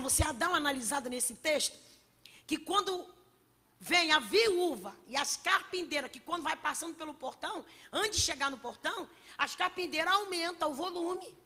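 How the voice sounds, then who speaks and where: A woman preaching a sermon with passion, swinging between shouts and hushed asides, in a church hall. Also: sits high, expressive, moderate pace. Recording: long reverb of a large hall.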